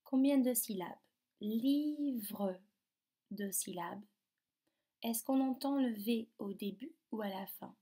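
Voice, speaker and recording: A woman teacher giving a phonics lesson to young children, slowly sounding out syllables and words. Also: fairly high pitch, mellow. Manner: slow, carefully articulated, sounding out syllables. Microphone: device camera.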